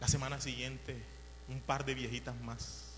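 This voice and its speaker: A male preacher telling a story in a sermon, animated and repetitive, swinging from hushed to loud. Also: medium pitch, moderate pace, long reverb tail, slight background noise.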